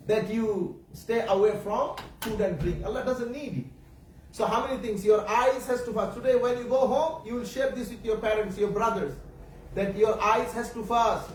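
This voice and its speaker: A native Bengali speaker, this Islamic preacher delivers a sermon to children in English with a very high voice, halting, repeating himself, and groping for words while often questioning the audience. The mic is distant in an echoey room with faint background noise.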